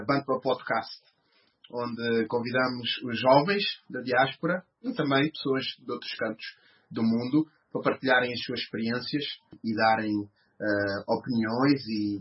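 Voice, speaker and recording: A man in his thirties with a European Portuguese accent, a guest answering interview questions hesitantly, with many fillers and restarts. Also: mid-range voice. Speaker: guest, podcast host. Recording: slightly muffled recording.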